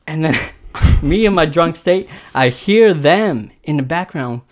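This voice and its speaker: A man telling a story in casual podcast chat, animated, laughing often and acting out what people said. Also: fairly high pitch, a little slow. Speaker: show regular telling a story.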